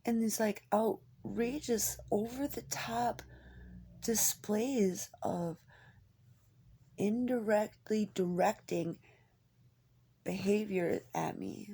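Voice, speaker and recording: A woman in a rambling, confessional personal monologue, halting and candid, with a husky, gravelly voice that often drops toward a whisper. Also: mid-range voice, warm tone. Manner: halting, hesitant, candid, swearing.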